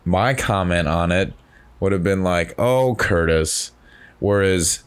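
Low-voiced man musing aloud. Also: little pitch movement, measured pace. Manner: rambling, reflective, many restarts. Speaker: podcast host. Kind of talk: casual chat.

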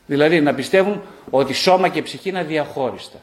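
A middle-aged man, a psychologist and author, giving a live talk to an audience, repeating short phrases and asking rhetorical questions. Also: a little high. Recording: echoey room.

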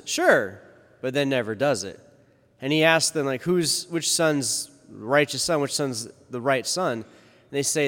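A man's voice: medium pitch, fairly bright tone. A male priest reads the gospel and then preaches a casual, conversational homily with asides, heard in a long cathedral-like echo. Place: large church. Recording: long reverb of a big church.

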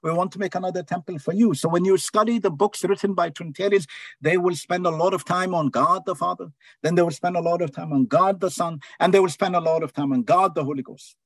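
A man's voice: sits high, no echo. A man preaching a sermon, calling out phrases for the congregation to repeat and stretching out key words for emphasis. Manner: call-and-response preaching, drawn-out emphatic phrases.

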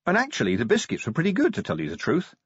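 A man doing a blunt, brisk werewolf sergeant woman. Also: fairly high pitch, wildly swooping pitch, fairly bright tone, slightly rough, no echo, voice pushed up, full character voice. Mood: brusque. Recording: dry, slightly dull audiobook recording.

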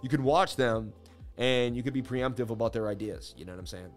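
A man's voice: medium pitch, brisk. Slangy, boastful male trading host over music. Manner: slangy, boastful, repeating catchphrases. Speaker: crypto trading channel host. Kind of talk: casual screen-share market commentary.

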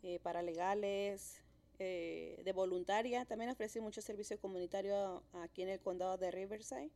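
A woman from Mexico in her thirties, co-hosting a podcast, talks at normal speed in a dark, mid-range voice. Easygoing and friendly, she encourages her guest through a casual conversation.

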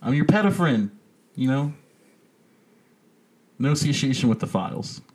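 A man's voice: mid-range voice, expressive, moderate pace, a little mellow. A man hosting a casual podcast, talking in a crude, joking, rambling way. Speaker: podcast host.

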